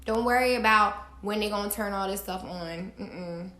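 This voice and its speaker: This astrology vlogger speaks in a mid-range voice at a moderate pace, with a sharp edge to her tone. Talking straight to her viewers from an echoey room at home, she delivers forceful, preachy spiritual guidance sprinkled with casual swearing.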